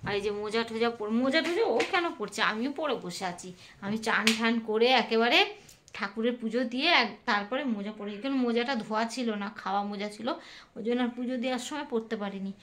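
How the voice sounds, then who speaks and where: A woman chats in a casual home vlog, her voice high and ringing bright. Her words rush out and tumble over each other. She is talking into a phone held in her hand while sitting in bed. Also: slight background noise. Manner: rushed, tumbling speech. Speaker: family vlogger.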